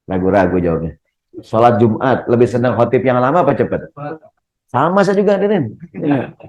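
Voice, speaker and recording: A man's voice: medium pitch, lo-fi sound. A middle-aged man, giving a humorous Ramadan sermon in a mosque and keeping the audience involved with questions. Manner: lively, jokey, keeps asking the audience questions. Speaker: preacher.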